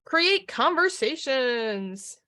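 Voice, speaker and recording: Upbeat woman with a high voice coaching. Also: very slow. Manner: energetic, hyped, asks the audience questions. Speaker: marketing coach. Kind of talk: live online training session.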